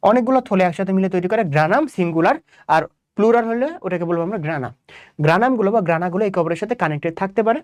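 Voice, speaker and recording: A young Bangladeshi man with a Bangladeshi Bengali accent tutors students through exam questions at a brisk clip. He repeats key points and keeps firing rhetorical questions at his class. His voice is recorded close and dry, with no room sound. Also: high-pitched, darkish tone, no echo. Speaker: biology tutor. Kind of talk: exam-prep lecture.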